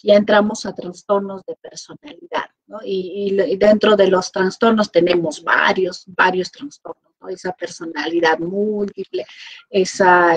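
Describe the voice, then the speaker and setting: A middle-aged woman with a Peruvian Spanish accent, giving an online class lecture in an animated way. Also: medium pitch, slightly rough, no room sound, rough recording. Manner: animated, acts out quoted people with lively voices. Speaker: teacher.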